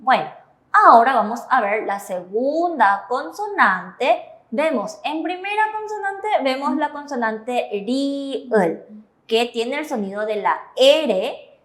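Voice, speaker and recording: Here a woman with a Paraguayan Spanish accent co-hosts a Korean lesson on TV, feeding the teacher questions and approving answers as the explanation unfolds classroom style. Her high, slightly bright voice has lively intonation, and she takes it slowly in a roomy-sounding space.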